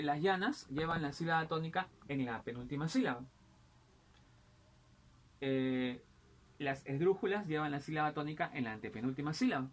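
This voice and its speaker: A male teacher giving a grammar lesson and addressing the student directly. He keeps checking in with "¿correcto?" and "¿no?" and fills pauses with "eh" and "este". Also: on the high side. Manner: keeps asking "¿correcto?" and "¿no?", many "eh" and "este" fillers.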